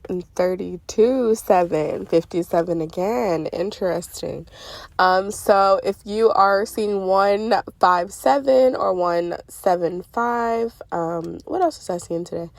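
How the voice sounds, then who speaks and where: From a parked car, a middle-aged spiritual vlogger with a congested, mid-range voice rambles about her dreams in a casual monologue. She speaks slowly with vocal fry, full of fillers and self-corrections, chatty and meandering. The recording has no echo.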